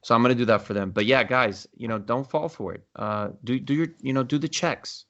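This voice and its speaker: A man hosting a casual podcast, telling stories in an animated, profane way. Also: mid-range voice, brisk, highs cut off. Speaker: podcast host.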